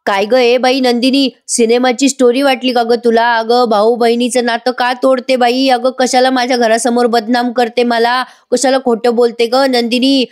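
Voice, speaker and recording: Brief: woman reading a whiny, scheming aunt, raised plaintive pitch, self-pitying reproaches. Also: steady tone, moderate pace, natural voice. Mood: indignant. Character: scheming middle-aged aunt, whiny and defensive.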